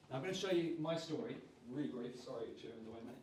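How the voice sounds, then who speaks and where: A man, leading a lively public speaking workshop and raising and dropping his energy on purpose. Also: mid-range voice, quick pace, slight background noise. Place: large room at a live workshop. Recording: roomy sound, voice from far off.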